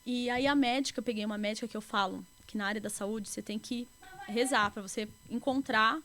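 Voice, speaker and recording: A woman telling a personal story as a podcast guest, animated and emotional, acting out what people said to her. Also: on the high side, a little fast, a little hiss or hum. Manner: emotional, animated retelling with quoted dialogue. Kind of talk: casual interview storytelling.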